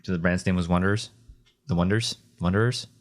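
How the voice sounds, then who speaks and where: A man with a slightly low voice co-hosts a casual podcast, talking eagerly and rambling through restarts as he breaks down matches. He sounds relaxed and conversational. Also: brisk. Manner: enthusiastic, rambling, many restarts and "come on, man". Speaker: podcast co-host. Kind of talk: casual chat recapping competition matches.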